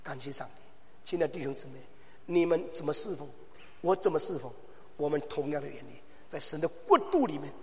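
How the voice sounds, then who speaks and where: A man preaching a sermon as pastor, swinging from low, quiet asides to loud, shouted exhortation with rhetorical questions. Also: lively intonation, brisk, slight background noise. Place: church hall. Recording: long hall reverb.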